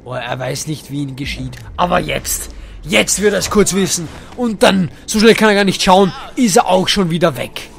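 A man giving playful, hammy gameplay commentary, dropping in English phrases and sudden shouts. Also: high-pitched, animated, normal speed, creaky, a little hiss or hum. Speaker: let's play gamer.

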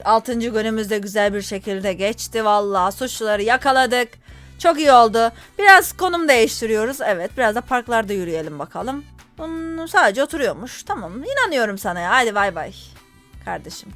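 A woman's voice: fairly high pitch, a bit bright. A woman gaming YouTuber giving casual, chatty let's-play commentary, teasing the game characters and complaining in mock exasperation.

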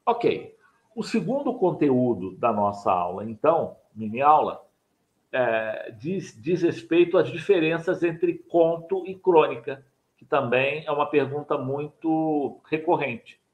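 Older male writing teacher, slightly higher pitch, explains point by point for a live webcam class. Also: expressive, a little slow, muffled recording. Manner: didactic, repeats key points, asks viewers to like and subscribe. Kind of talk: live online mini-lesson. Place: home study with bookshelves.

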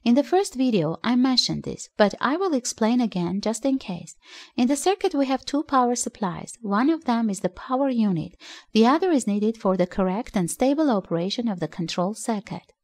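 A woman reading a scripted voice-over that explains an electronics build, in a steady explanatory way with slightly non-native phrasing. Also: fairly high pitch, normal speed. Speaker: electronics channel narrator.

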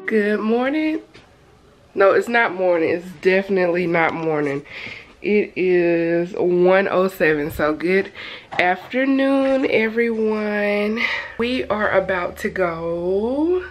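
A woman's voice: medium pitch, takes it slowly. A young woman in her twenties chatting casually to the camera at home for her vlog. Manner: relaxed, chatty, talking straight to camera. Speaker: vlogger. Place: bedroom at home, indoors.

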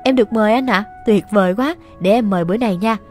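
A woman's voice: mid-range voice, quick pace, faint music behind, close to an everyday voice. A woman voicing a sweet, lovestruck younger sister who talks in a sugary, pleading way. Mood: cheerful.

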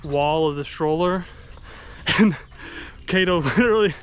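A man's voice: a little high, a little slow, slight background noise. Chatty upbeat man vlogging outdoors. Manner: chatty, upbeat, talks to his dogs. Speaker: vlogger running with his dogs. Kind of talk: casual vlog narration. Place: outdoors on runs and in a yard.

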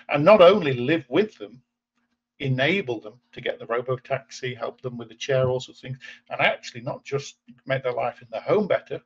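Heard through a webcam with muffled, lo-fi quality, a husky mid-range male voice hosts a laid-back video-call interview. The speaker is an Englishman in his forties sitting in a room at home, reflecting thoughtfully and often restarting what he's saying.

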